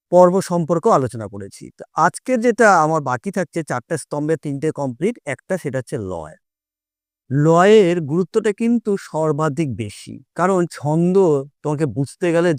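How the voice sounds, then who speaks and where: A man's voice: fairly high pitch, darkish tone, clean tone, no room sound, clean studio sound. A man teaching a lesson to students, patiently repeating his points and reciting short rhymes to show their rhythm.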